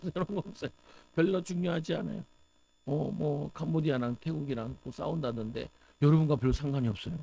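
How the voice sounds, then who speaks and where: Man, pastor, sermon, middle-aged, emphatic, conversational, rhetorical questions, slightly high voice. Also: a little fast, vocal fry, dark tone, slight background noise, poor audio.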